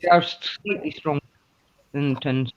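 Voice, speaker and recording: A man in his fifties with a high voice, ribbing his mates and laughing at his own jokes. The recording sounds dull and lo-fi. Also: measured pace. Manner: teasing, laughs often. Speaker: regular in a chat among friends. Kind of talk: casual banter.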